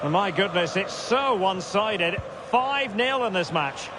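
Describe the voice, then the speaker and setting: A man calling a football match as play-by-play commentator, building to excited shouts when goals go in. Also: high voice, unhurried, noisy background. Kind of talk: sports commentary.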